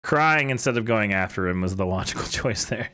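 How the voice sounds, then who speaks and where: A man's voice: on the low side, animated, a little fast, pushed and bright. Sarcastic man mocking a bad story. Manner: mocking, sarcastic asides, frequent laughter. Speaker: host reading fan fiction aloud. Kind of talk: comedic dramatic reading with commentary.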